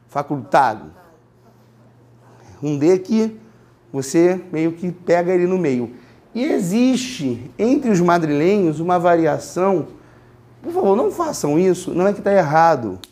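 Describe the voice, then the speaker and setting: Male language teacher from Brazil, high voice, classroom lecture, drills pronunciation by repetition. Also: sing-song, mellow. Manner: explains slowly, repeats words, asks students to repeat. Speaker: Spanish teacher.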